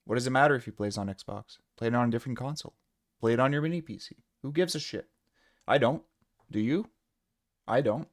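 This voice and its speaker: A man's voice: mid-range voice, brisk, long pauses. A man hosting a reaction stream, with sarcastic and profane commentary.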